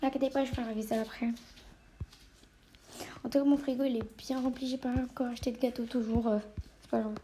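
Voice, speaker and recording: A woman's voice: on the high side, steady tone, fast, pauses often, warm tone, a little hiss or hum. A woman vlogging casually while playing with dolls, chatting to viewers and often dropping into whispers. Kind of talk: casual doll-play vlog.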